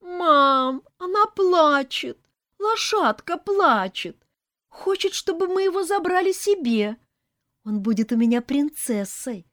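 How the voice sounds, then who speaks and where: A high, piercing voice of squabbling little children, put on by a woman narrator. It whines and squeals with excitement, swooping wildly in pitch. The sound is close and dry. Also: unhurried, dry recording. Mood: tearful. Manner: whiny, shrill and excited.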